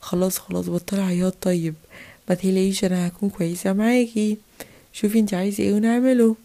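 A woman's voice: mid-range voice, little pitch movement, fast, warm tone, natural voice. A woman with an Egyptian accent voicing a strict, bossy babysitter in a toy play video. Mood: soothing. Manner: bossy, scolding.

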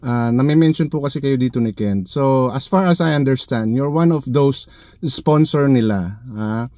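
A man's voice: mid-range voice, moderate pace, mellow, no echo, clean studio sound. A man giving sarcastic, needling reaction commentary in his vlog, full of rhetorical questions. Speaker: vlogger.

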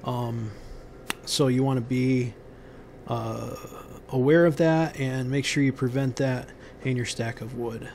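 A man giving unscripted how-to instructions on a building site outdoors, pausing often with ums and restarting his sentences. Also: medium pitch, a little mellow, slight background noise. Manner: halting, many ums and restarts.

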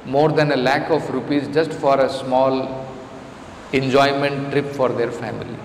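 A man's voice: medium pitch, fairly even intonation, measured pace. A middle-aged man with an Indian accent giving an emphatic scripture lecture, repeating phrases for stress. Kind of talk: scripture lecture with everyday examples. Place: indoor temple lecture room. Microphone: stand microphone close to the mouth. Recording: roomy hall reverb, faint background noise.

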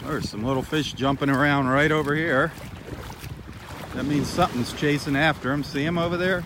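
Out on a sandbar, the host of a live beach walk chats easily and marvels at his surroundings for his nature vlog. His slightly high voice has fairly even intonation and a moderate pace, and the handheld phone picks up noisy sound with water lapping nearby.

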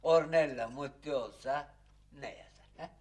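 An actor playing a gruff, tipsy father. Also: medium pitch, moderate pace, darkish tone, close to an everyday voice. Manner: gruff, blunt. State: drunk. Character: Zekeriya, gruff drunk father. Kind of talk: TV comedy-drama acting.

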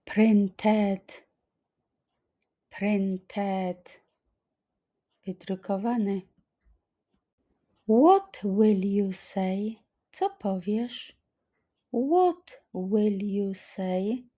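A woman teaching vocabulary in a slow flashcard-style lesson, saying each phrase twice with deliberate care. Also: medium pitch, dark tone. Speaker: language teacher.

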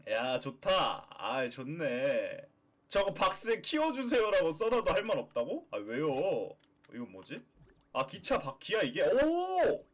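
A man streaming a game as a VTuber, chatting playfully with viewers and breaking into excited cheers. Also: fairly high pitch, a little slow. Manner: playful, excitable, shouts and cheers while playing. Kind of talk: live game stream chat.

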